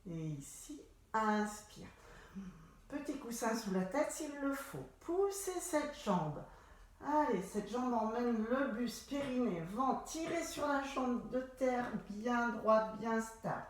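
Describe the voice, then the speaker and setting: A woman teaching a Pilates class, giving calm, unhurried cues about breathing and posture. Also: fairly high pitch. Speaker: Pilates instructor. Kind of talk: guided exercise class instruction. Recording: very echoey room.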